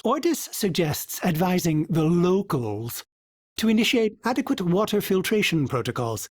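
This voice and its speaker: Here the starship AI character sounds darkish and husky, with no echo in the recording. The performer plays him as a polite, fussy male who talks about himself in the third person, run through a glitchy synthetic filter. His game lines are courteous and dryly witty, wistful, with sudden jumps in pitch.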